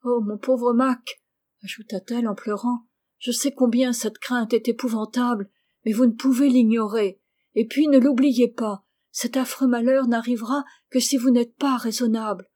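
A woman's voice: on the high side, dark tone, natural voice. A woman voicing Rose, a caring teenage girl who pleads with her cousin in an emotional, motherly way, in a storybook reading.

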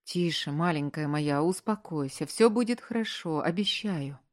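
Woman reading a cold, commanding rich man, curt orders, low voice, audiobook. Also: expressive, normal speed. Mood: soothing.

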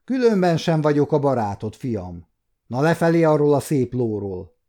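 A man voicing a gruff castle gate guard who shouts threats at a stranger, in an audiobook. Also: a little high, very animated. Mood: hostile.

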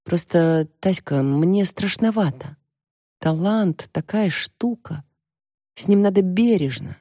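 Audiobook: woman reading a calm, weary mother, dry close sound. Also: lowish voice, no room sound. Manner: calm, measured, tired. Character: weary, gentle mother, worried and reserved. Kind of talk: audiobook character voice.

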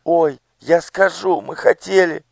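A man's voice: medium pitch, measured pace, gravelly, dry recording, pitched above the performer's own voice. A man voicing a frightened young girl disguised as a page, whimpering and pleading in pain, in an audiobook. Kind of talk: audiobook character voice.

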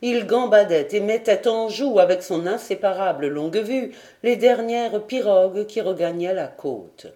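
A woman narrating a classic adventure novel as an audiobook, in a measured, steady reading. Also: medium pitch. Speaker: audiobook reader.

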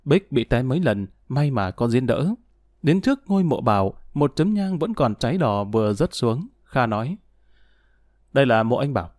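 A man narrating an audiobook in a steady, measured way. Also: mid-range voice, no echo, studio quality.

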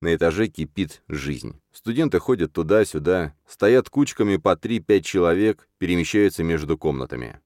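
A man reads a first-person audiobook in a sardonic, brash and crude manner. His voice sits very low. The recording is close and dry, with no trace of room echo. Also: animated, moderate pace, hardly any pauses, darkish tone. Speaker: audiobook narrator.

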